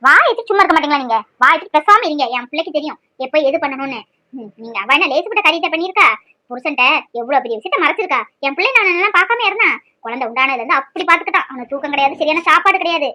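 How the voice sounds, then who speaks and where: A woman voicing a sharp-tongued, dramatic middle-aged mother in a cartoon, scolding and lamenting. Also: high voice, animated, rapid-fire, no echo. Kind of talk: cartoon voice acting.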